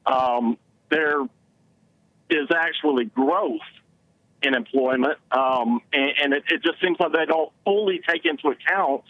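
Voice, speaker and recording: A man with an Alabama Southern accent calling a show to discuss politics in a halting, wordy way. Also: on the high side, very animated, vocal fry, no echo. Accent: Alabama Southern American. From Alabama, United States. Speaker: first-time caller. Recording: muffled phone call.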